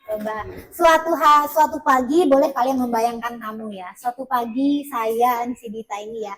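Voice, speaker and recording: A woman's voice: on the high side, normal speed, fairly bright tone, rough recording. A woman teacher leading a classroom lesson, often asking her students questions.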